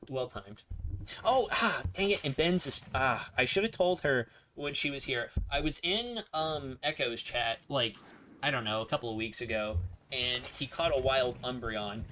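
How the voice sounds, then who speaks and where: A man live-streaming a video game, chatting excitably with his viewers as he plays. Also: mid-range voice, measured pace, slight background noise. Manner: excitable, chatty, talks to viewers while playing. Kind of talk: live-stream gameplay commentary.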